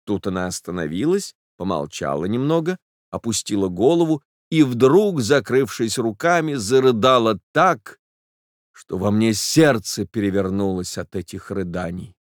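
A man reading a classic novel aloud as an audiobook, in expressive, measured storytelling. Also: lowish voice, dry recording, studio quality. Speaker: audiobook reader. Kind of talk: literary audiobook narration.

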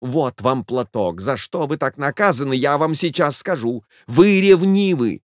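A man's voice: mid-range voice, expressive, measured pace, no room sound, studio quality, close to an everyday voice. A man voicing a cocky young man who scolds in a mocking tone. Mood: scolding.

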